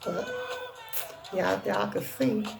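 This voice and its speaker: A woman vlogger speaks with a deep Southern accent and a strongly creaky edge to her voice. Her talk is folksy, casual and self-assured, with a sassy country flavor. Music plays clearly behind her. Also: sing-song, takes it slowly. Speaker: hair tutorial vlogger. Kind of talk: casual chat to viewers.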